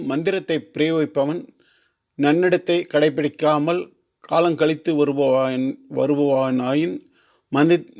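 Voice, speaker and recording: A man reading a formal religious text aloud, slow and careful, sometimes restarting long words. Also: fairly high pitch, a little mellow. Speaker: teacher.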